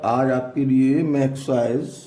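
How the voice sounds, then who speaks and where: A man's voice: mid-range voice, steady tone, measured pace, warm tone. Echoey math teacher, a man. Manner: explains step by step with repeated questions to students. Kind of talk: classroom math lesson.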